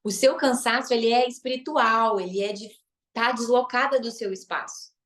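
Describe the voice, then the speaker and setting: Higher-voiced Brazilian woman coaching. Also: normal speed, a bit bright. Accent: Brazilian Portuguese. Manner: emphatic, repeats key phrases, tag questions. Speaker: relationship coach and therapist. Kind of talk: live online masterclass.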